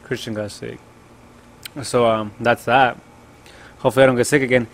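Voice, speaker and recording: A man's voice: mid-range voice, fairly even intonation, normal speed. A young man co-hosting a casual podcast, telling a rambling story, swearing freely and dropping Spanish words. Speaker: podcast co-host, delivery driver.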